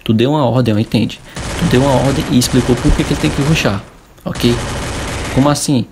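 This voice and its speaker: A man's voice: medium pitch, fairly quick, noisy background. A young Brazilian man coaching gamers in a casual advice vlog, chatty and full of tag questions. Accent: Brazilian Portuguese. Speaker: gaming coach.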